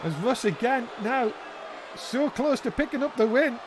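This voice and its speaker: High-pitched, excitable male wrestling commentator. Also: normal speed. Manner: excitable, exclaiming at big moves. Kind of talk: live play-by-play wrestling commentary. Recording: noisy event audio with crowd behind. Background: crowd noise.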